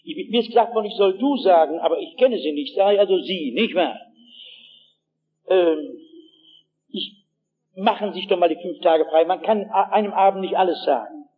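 High-voiced man preaching, dull old recording. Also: normal speed, pauses often, husky. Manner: dramatic storyteller, swings from hushed to shouting; addresses the audience directly with asides. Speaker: pastor. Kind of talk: evangelistic sermon with personal anecdotes.

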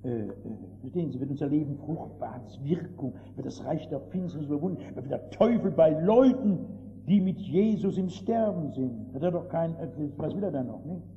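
An older man preaching a sermon with emphasis, dropping to quiet asides and rising to loud exclamations, often turning to his listeners with rhetorical questions. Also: fairly high pitch, expressive, normal speed. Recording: dull old recording with long reverb and faint hiss.

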